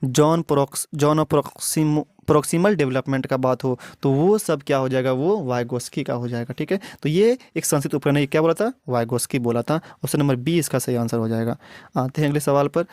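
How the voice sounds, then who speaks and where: A man's voice: mid-range voice, a little mellow, no echo, studio quality. A man teaching an exam prep lesson online. He explains step by step, repeats key terms and often stops to check with the class. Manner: repetitive, explanatory, often checks with "theek hai".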